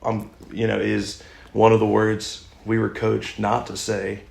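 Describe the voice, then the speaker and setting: A man's voice: on the low side, monotone, measured pace, vocal fry, darkish tone, a little hiss or hum. A young man co-hosting a podcast from a cold garage, coughing as he recovers and cracking dry, crude jokes. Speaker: podcast co-host. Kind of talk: casual banter. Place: unheated home garage. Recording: echoey garage recording.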